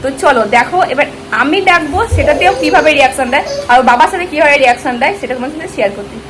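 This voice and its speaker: Fast-talking high-voiced woman vlogger. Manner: chatty, quick, addressing viewers directly. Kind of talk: casual vlog talk. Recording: noisy background.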